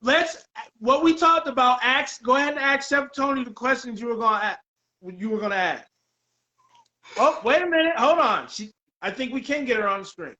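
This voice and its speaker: A middle-aged man hosting a casual interview over a video call, excitable, exclaiming and repeating himself. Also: very high-pitched, fairly quick, low-quality recording. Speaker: podcast host.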